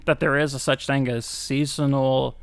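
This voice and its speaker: A man's voice: medium pitch, little pitch movement, moderate pace, gravelly, clean tone, no echo. A man co-hosting a podcast in casual chat, rambling and laughing often. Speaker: podcast co-host.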